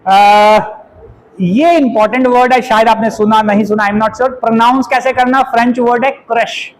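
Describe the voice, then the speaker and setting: A man teaching an exam vocabulary lesson, chatty and teasing, reading definitions out slowly. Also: very high-pitched, fairly even intonation, low-quality recording. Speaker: English teacher.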